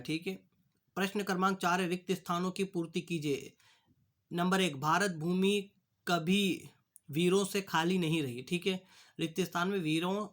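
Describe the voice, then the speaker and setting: A young male teacher goes through textbook questions one by one, stopping and restarting his words as he goes. His voice sits high and sounds bright and forceful. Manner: halting, repeats "ठीक है" and restarts words. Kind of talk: classroom lesson explaining answers.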